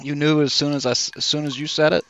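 A man's voice: a little high, fast talker, muffled recording, a little hiss or hum. Exasperated man improvising comedy. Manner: exasperated, deadpan. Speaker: comedy podcast co-host.

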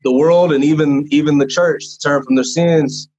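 This young man's voice sits a little high and slightly mellow, with fairly even intonation and a moderate pace. Chatting casually, he tells his personal testimony in an earnest, rambling manner with frequent fillers and restarts, on a dull lo-fi recording.

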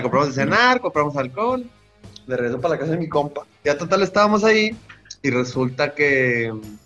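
A man's voice: a little high, pushed and bright, lo-fi sound. A young man with a Mexican accent telling a long, rambling story in slangy casual chat on a podcast. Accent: Mexican Spanish. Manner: rambling, slangy, full of restarts. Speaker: podcast guest.

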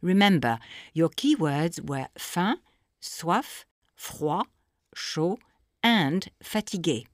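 A woman narrating a scripted audio language lesson, explaining phrases slowly and clearly for the listener to repeat. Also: on the low side, expressive, no echo, clean studio sound. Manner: slow, clear teaching delivery with pauses for repetition.

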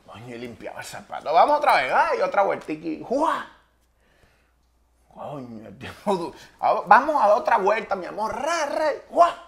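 Animated Venezuelan man telling jokes. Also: high voice, normal speed, vocal fry. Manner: acts out characters in the jokes with shifting voices. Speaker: comedian guest. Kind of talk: casual joke-telling chat.

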